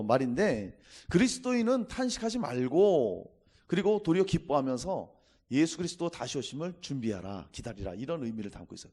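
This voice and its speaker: Lively, emphatic male pastor preaching. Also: on the high side. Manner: emphatic preaching with repeated calls to the congregation. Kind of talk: Sunday sermon.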